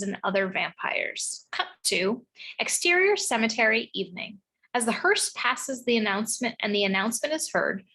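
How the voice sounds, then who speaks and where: A woman's voice: a little high, pushed and bright, breathy edge, low-quality recording. A woman narrating the stage directions of a script in a read-through.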